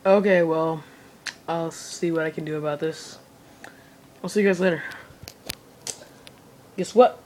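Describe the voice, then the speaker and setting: A man's voice: fairly high pitch, fairly even intonation, moderate pace, long pauses, darkish tone. A man chatting casually to viewers in an amateur home vlog. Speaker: video creator. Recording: faintly noisy home video recording.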